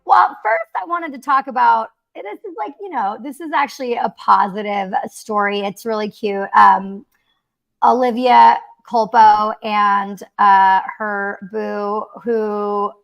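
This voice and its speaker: A woman's voice: medium pitch, slow, creaky, a bit bright, dull audio. A young woman hosting a casual livestream chat, rambling and giggly with lots of fillers. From Mexico City, raised in the Bay Area. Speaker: podcast host.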